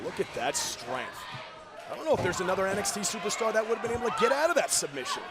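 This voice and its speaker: A man's voice: sits high, sing-song, fast. A man giving opinionated, emphatic color analysis as a wrestling commentator. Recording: loud crowd and arena noise. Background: noisy arena crowd.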